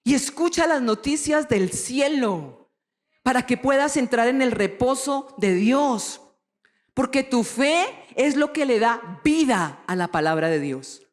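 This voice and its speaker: A woman pastor preaching a lively sermon, acting out quoted voices and asking the congregation questions. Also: high-pitched, takes it slowly, long reverb tail.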